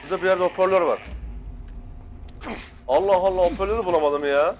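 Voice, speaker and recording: A young man casually commenting while playing, excitable and cursing at the game, shouting now and then. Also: high-pitched, a little fast, slight background noise. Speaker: gaming YouTuber. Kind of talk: Let's Play commentary.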